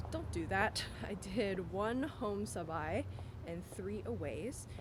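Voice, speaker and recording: A woman's voice: mid-range voice, background noise. A woman in her twenties from California with an American accent, giving casual advice in a vlog monologue recorded on the move. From California, United States. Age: 20s. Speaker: vlogger, medical student. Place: on the move during a commute.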